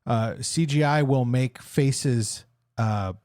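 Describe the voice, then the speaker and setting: A man on a podcast with a medium-pitched voice, recorded dry and close. He lays out film trivia and ideas in a steady, explanatory way. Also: no room sound. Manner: explanatory, shares trivia in measured asides. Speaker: podcast co-host. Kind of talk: casual film discussion.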